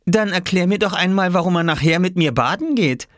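A spiteful older sister, as a man voices her in a storybook reading, pitched high and a bit loud. She taunts and sneers, always sure she has the upper hand. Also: expressive, brisk, no echo, clean studio sound. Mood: taunting.

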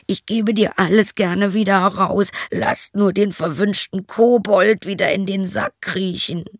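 A man voicing a greedy, scheming male innkeeper in a fairy tale, hushed when plotting and high and whining when begging. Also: fairly even intonation, measured pace, dry recording, studio quality. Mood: pleading.

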